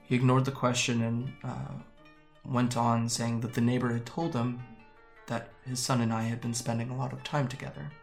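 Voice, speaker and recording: An actor playing a guarded young man from Japan, quietly recounting how he fled home in an audio drama. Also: mid-range voice, level tone, creaky, soft background music, lightly acted. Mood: somber. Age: young adult. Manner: soft, hesitant storytelling with halting restarts. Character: young man, guarded and wry, recalling his escape. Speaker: interviewee.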